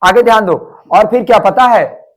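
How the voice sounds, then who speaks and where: A man's voice: high voice, normal speed, rough recording. A young man teaching a class, explaining an English story and asking students again and again if they follow. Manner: animated, quizzes students with repeated questions.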